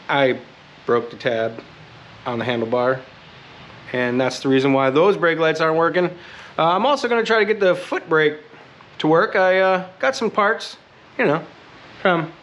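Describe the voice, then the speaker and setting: A man who sounds under the weather, giving a casual, halting how-to vlog talk in a low-key, plain-spoken way. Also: fairly bright tone, lo-fi sound. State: under the weather, sick with a cold. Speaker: host of a DIY motorcycle repair channel.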